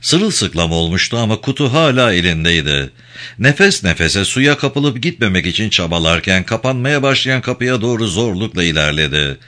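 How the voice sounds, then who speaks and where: A man narrating an audiobook with a dramatic, expressive reading. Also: on the low side, normal speed. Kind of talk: scripted narration.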